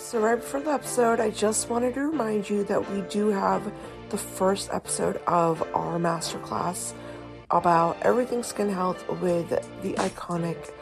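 A woman hosting a skincare podcast, chatting casually with many fillers. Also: medium pitch. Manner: chatty, lots of fillers like "you know" and "um". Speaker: podcast host.

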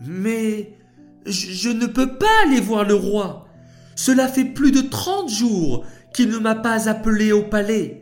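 A man voicing a young queen in a children's story, speaking in a high, pleading tone that turns commanding. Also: expressive, slow pace, faint music behind. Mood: frightened. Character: young queen, frightened then resolute.

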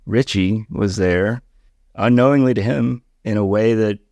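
Middle-aged man, gravelly, lowish voice, dry close sound, casual storytelling. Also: a little slow, darkish tone, no echo. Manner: conversational, acts out quoted voices. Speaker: podcast guest.

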